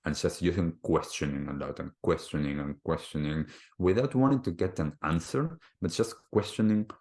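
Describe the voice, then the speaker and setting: A man's voice: low voice, moderate pace, a little mellow. A man from Argentina, a wellbeing coach, talking reflectively as a podcast guest, with many "you know, like" fillers. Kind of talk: reflective conversational talk.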